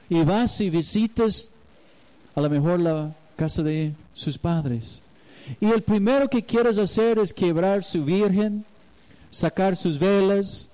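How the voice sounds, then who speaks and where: A man's voice: high voice, warm tone, clear, resonant tone, low-quality recording. A man preaching as a pastor, telling a personal story and acting out the voices in it. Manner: storytelling, acts out quoted voices. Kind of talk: sermon.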